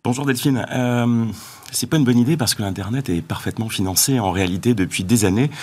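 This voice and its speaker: A man's voice: medium pitch, fairly quick, darkish tone. A man, a telecom executive answering interview questions in an assertive, explanatory way. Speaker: telecom company head, guest.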